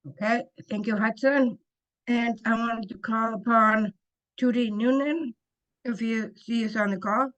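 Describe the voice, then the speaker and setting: A woman from Ontario hosting a webinar on a video call, reading her introduction slowly and carefully, with small restarts. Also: a little high, fairly even intonation, fairly bright tone, lo-fi sound. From Ontario, Canada. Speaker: webinar host, council member.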